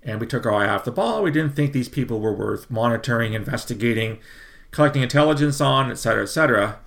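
A middle-aged man hosting a podcast, delivering a measured, emphatic commentary with frequent self-corrections. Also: medium pitch, expressive, creaky, a bit bright. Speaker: podcast host. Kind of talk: commentary monologue.

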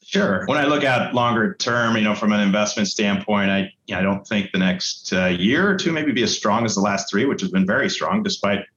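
A man's voice: on the low side, animated, normal speed, hardly any pauses, a bit bright. A man giving conversational, explanatory answers as an expert guest on a podcast. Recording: roomy, dull sound with faint noise.

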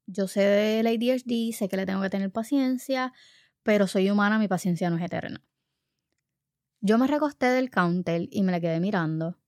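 A woman's voice: mid-range voice, moderate pace, a little mellow, no echo, studio quality. A woman. She tells a family story casually from her living room and acts out the people she quotes. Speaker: mother telling a family story. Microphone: home recording set.

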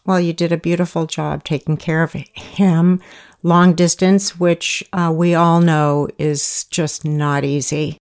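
Low-voiced affirming woman host. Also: flat delivery, takes it slowly. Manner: warm, affirming interviewer. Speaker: podcast host. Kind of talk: interview conversation.

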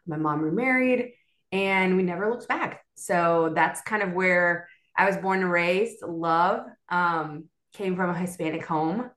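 A young adult woman from South Florida, bilingual in Spanish and English, tells her story as a podcast guest in casual conversation. She's animated and chatty, with a voice on the low side and a roomy sound.

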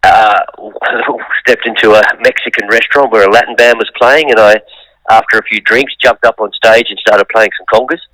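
A man's voice: lowish voice, fairly even intonation, moderate pace, pushed and bright, rough recording. A man, a musician and songwriter, telling his life story in an interview, open and thoughtful with many ums. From Australia.

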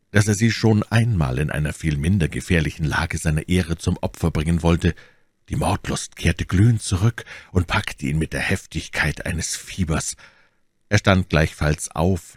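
A man reading a classic novel aloud as an audiobook, in a measured and expressive way. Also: sits low, dry recording, studio quality. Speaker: audiobook reader.

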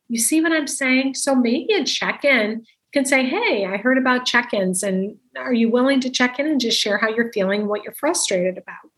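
Chatty woman in her fifties, a little high. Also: fairly bright tone, poor audio. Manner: chatty, acts out little quoted exchanges. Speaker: parenting speaker. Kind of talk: casual talk, giving advice.

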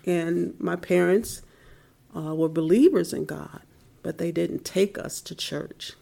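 A middle-aged woman giving a heartfelt personal faith testimony in an interview, soft-spoken and at times dropping to a whisper. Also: fairly low pitch, fairly even intonation, slow pace, creaky.

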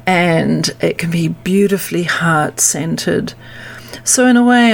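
A woman podcast host giving an informal, unscripted introduction in a gentle, reflective way, pausing mid-sentence. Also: fairly low pitch. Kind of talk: informal, improvised spoken introduction. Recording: music behind the voice. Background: clear music.

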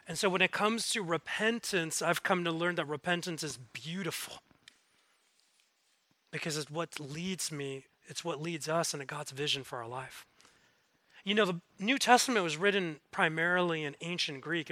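A bright, high-pitched man preaches with lively energy, moving between jokes and earnest appeals. He keeps his talk conversational and checks in with frequent rhetorical questions. His voice is close and dry, with little room sound. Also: no echo. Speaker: guest speaker. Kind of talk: sermon.

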